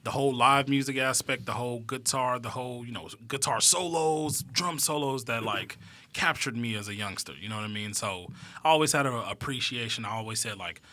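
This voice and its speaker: A man's voice: mid-range voice, brisk, sharp tone. A man in his thirties hosting a podcast, chatting in a laid-back, conversational way. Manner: laid-back, conversational with restarts and "you know". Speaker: podcast host. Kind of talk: casual interview chat.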